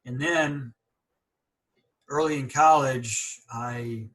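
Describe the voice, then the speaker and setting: A podcast host in his forties talks candidly and earnestly in a casual interview, speaking very slowly with fairly even intonation. His voice is fairly bright, and his speech has frequent stuttering blocks and repeated syllables.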